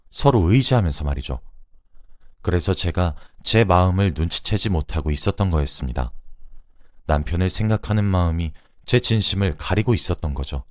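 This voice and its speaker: A man's voice: sits low, darkish tone, no echo, clean studio sound. A man narrating a first-person life story in an earnest, confiding way.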